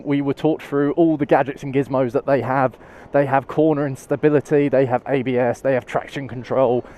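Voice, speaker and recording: A man giving chatty, excitable commentary while riding a motorcycle, through a helmet-mounted mic. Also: on the high side. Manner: chatty, excitable, many restarts and laughs. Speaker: motorcycle vlogger. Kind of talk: casual moto-vlog commentary while riding. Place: outdoors on a motorcycle in traffic. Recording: faint road and traffic noise.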